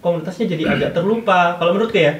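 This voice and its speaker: A man, chatting casually and quickly about his comic community. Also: high voice, far from the mic. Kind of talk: casual chat. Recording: echoey room, voice a bit off-mic.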